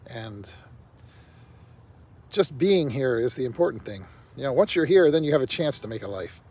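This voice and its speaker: A man's voice: medium pitch, big pitch swings, normal speed, darkish tone, slightly rough. An older man talking bluntly to camera in a rambling casual monologue, peppered with "you know". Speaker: vlogger. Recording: faint outdoor traffic noise.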